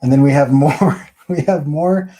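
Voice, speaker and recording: A man's voice: on the high side, measured pace, mellow. A man hosting a comic book review, chatting casually and rambling as he walks through the story page by page. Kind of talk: casual chat.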